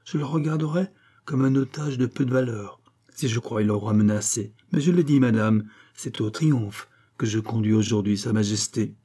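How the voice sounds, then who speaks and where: A man reading an audiobook, voicing a calm and dignified doctor who speaks in a cool, measured way. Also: medium pitch, slightly rough, lightly acted. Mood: composed.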